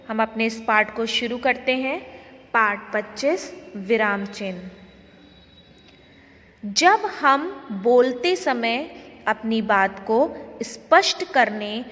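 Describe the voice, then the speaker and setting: A woman's voice: fairly high pitch, fairly bright tone, big-room sound. A woman teacher giving an online grammar lesson, explaining step by step and asking the class questions.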